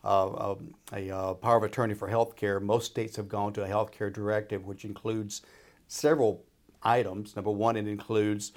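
Low-voiced man explaining things informally. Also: little pitch movement, moderate pace, a little mellow. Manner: informal, folksy, checks in with "okay" and "right". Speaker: retirement planner and radio show expert. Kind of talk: conversational explaining.

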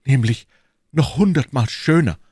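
Lovesick ardent duke read by a man, husky, dry mic. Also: medium pitch, animated, measured pace, a little mellow, dry recording. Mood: fervent. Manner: fervent, swelling declarations. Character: passionate lovesick English duke, ardent and insistent. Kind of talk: audiobook reading of a classic novel.

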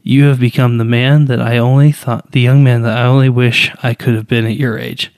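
A man voicing a wise, proud older male mentor who speaks calmly and earnestly to his pupil. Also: mid-range voice, a little fast, clear, resonant tone, no echo, clean studio sound, close to an everyday voice. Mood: tender. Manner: calm, earnest, fatherly.

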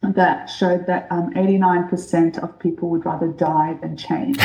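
A woman born in Egypt and raised in New Zealand and Australia, speaking as an interview guest and explaining her ideas in a measured way. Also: lowish voice, flat delivery, gravelly, darkish tone. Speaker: guest, change expert. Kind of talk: casual interview. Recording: roomy echo.

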